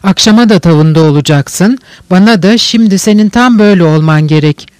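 A male audiobook reader voicing a sly, cheerful young male schemer who talks smoothly and needles his listener. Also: high voice, a little fast, dry recording, natural voice. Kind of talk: audiobook character reading.

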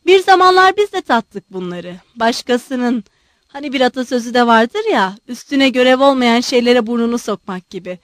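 A woman's voice: fairly high pitch, animated, no echo, studio quality, natural voice. A woman reading the part of an agitated, effusive old male general who pleads and bursts out emotionally. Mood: pleading. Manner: pleading, emotional, rushing outbursts.

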